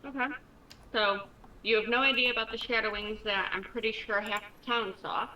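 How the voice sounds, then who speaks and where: A woman's voice: fairly high pitch, fairly even intonation, brisk, sharp tone, slight background noise, low-quality recording. A woman playing a tabletop role-playing game, switching between casual table talk and speaking for her character.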